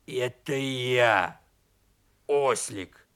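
A man voicing a young donkey who has turned into a wolf, speaking slowly in a hoarse, growling voice and sounding puzzled. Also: medium pitch, fairly bright tone, pitched below the performer's own voice. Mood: bewildered.

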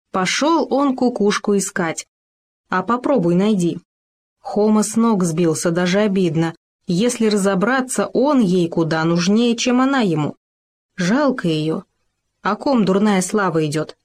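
Woman, narrator, children's fable, expressive, lively, mid pitch. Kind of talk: reading a children's fable aloud.

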